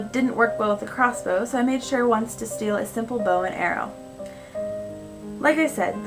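A young adult American woman narrating first-person fiction in a measured, conversational reading style. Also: a little high. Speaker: storyteller. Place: small indoor room at home. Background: music, guitar.

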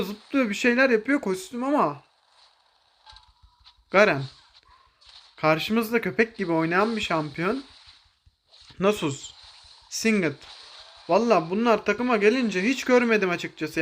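A young man streaming a mobile game, commentating live in an excitable, joking way, barking orders to teammates and throwing in English exclamations. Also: sits high.

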